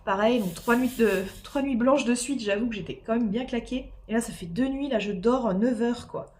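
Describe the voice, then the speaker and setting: A woman streamer chats with viewers from home while doing diamond painting, rambling casually with many fillers and restarts in a live-stream. She has a cold and a sore throat, sounding tired and losing her voice. Her voice is a little high and mellow, at normal speed.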